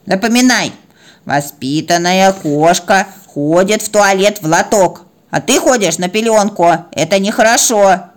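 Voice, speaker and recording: A woman voicing a bossy, self-important female cat who lectures and scolds in a slow, firm way. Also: mid-range voice, natural voice. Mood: lecturing.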